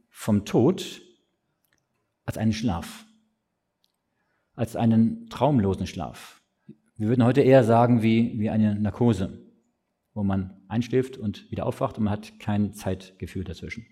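A man preaching a sermon, asking questions and answering them himself in a slow, explaining way. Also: lowish voice, dark tone, slightly rough.

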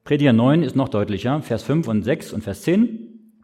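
A man preaching a sermon, asking questions and answering them himself in a slow, explaining way. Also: medium pitch, expressive, dark tone, slightly rough.

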